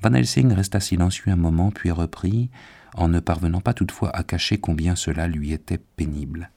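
Gravelly, deep-voiced male narrator. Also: fairly quick, mellow. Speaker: audiobook narrator. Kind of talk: scripted narration.

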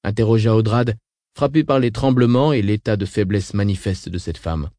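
A man reading a novel aloud, measured and even. His voice is dark and mellow, recorded close and dry with no room sound. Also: on the low side, no room sound. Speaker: audiobook narrator. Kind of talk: scripted narration.

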